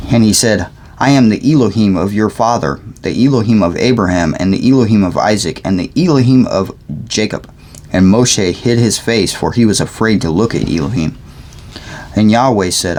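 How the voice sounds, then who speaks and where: A man's voice: on the low side, a little mellow. A sleepy man reading scripture aloud, stumbling over names and adding joking asides. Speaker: Bible reader.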